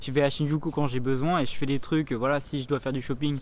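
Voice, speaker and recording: A man's voice: mid-range voice, fairly even intonation, fast, a little mellow. A young man chats casually to camera as a vlogger, improvising and often stumbling as he searches for words. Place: outdoors, walking and in a park.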